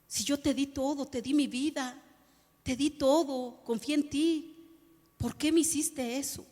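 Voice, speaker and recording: A woman's voice: high voice, steady tone, measured pace, dark tone, big-room sound. A woman pastor preaching a sermon, addressing the congregation and asking them rhetorical questions. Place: church hall.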